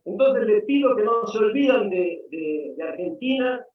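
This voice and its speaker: High-voiced Brazilian man, earnest plea. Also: animated, moderate pace. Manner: earnest, pleading, frequent "eh" fillers. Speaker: guest speaker. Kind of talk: impassioned online conference address. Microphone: video call. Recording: echoey, distant, lo-fi call audio.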